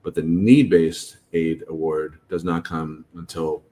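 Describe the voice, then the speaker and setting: A man hosting a podcast on college admissions, explaining in a halting, informal way with many restarts. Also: extremely low pitch, fairly even intonation, warm tone. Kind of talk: casual podcast talk.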